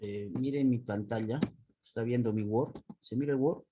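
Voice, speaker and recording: A man's voice: medium pitch, normal speed, noisy background. A man teacher explaining to a class over a video call, often repeating words, restarting phrases and asking questions.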